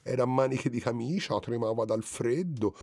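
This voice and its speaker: A man voicing a sly, lame male fox who flatters in a falsely polite way. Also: medium pitch, moderate pace, gravelly, no echo. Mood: honeyed sly.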